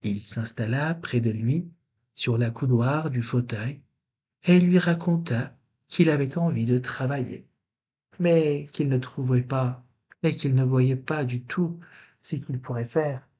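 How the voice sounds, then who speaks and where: A man with a husky voice reads a children's picture book aloud. He takes it slow and gentle, with a plain storyteller's delivery. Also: mid-range voice. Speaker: storybook reader.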